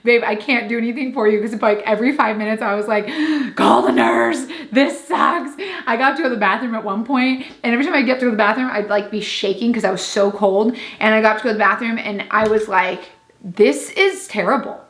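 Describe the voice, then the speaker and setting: A woman's voice: fairly high pitch, fairly even intonation, fast talker, a bit bright, echoey room. A young woman telling a personal story in a casual vlog, chatty and laughing, with lots of fillers and quoted asides. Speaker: vlogger.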